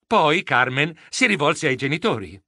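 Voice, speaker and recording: A man narrating a children's audio story in first person, expressive and animated. His voice is bright and a little high, with wide pitch swings, in a dry studio sound. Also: normal speed, no echo.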